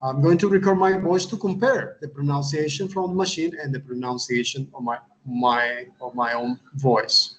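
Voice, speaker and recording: A man who teaches English, giving a step-by-step tutorial in a halting way, often repeating words and adding uh. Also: mid-range voice, fairly even intonation, fairly bright tone, rough recording. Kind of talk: instructional tutorial.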